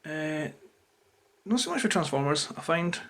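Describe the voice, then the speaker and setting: A Scottish man talks straight to camera in a notably high voice for a male speaker. He rambles through an unplanned, opinionated rant, sounding irritated and swearing freely as he goes. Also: lively intonation, normal speed, sharp tone. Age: adult, parent of a toddler. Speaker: YouTuber. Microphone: camera held or placed close to him.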